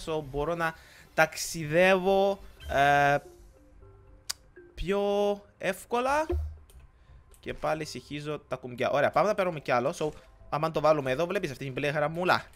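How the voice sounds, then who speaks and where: This gaming YouTuber from Cyprus is a young man whose voice sits a little high. He narrates a let's-play in a loose, excitable, rambling style, speaking with a Cypriot Greek accent and sprinkling in English words.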